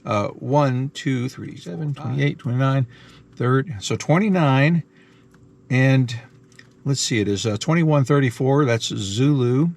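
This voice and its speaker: A gravelly, medium-pitched male voice, speaking a little slowly. He's in a car, loosely narrating as an amateur radio operator and shifting from explanations to contest calls, spelling call signs and numbers phonetically.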